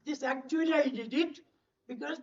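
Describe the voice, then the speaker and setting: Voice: sits high, moderate pace. An older former teacher with an Indian English accent talks through number puzzles in a drilling, repetitive classroom manner. The voice sits mid-range and sounds distant in a roomy, echoing hotel hall. The pickup is dull and lo-fi. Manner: repetitive, drilling, asks "clear?" often. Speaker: former teacher giving a talk. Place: large hotel event hall.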